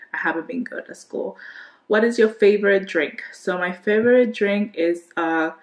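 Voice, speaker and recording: This fairly low-pitched woman is a twenty-something beauty vlogger from the Dominican Republic, speaking with a Dominican accent as a native Spanish speaker. Indoors in her bedroom, she rambles casually through answers to camera, chatty and gesturing, often trailing off and restarting. The sound is roomy.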